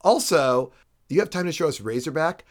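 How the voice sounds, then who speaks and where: A man co-hosting a casual comic book discussion, animated and reading dialogue aloud. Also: on the high side, moderate pace. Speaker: podcast co-host.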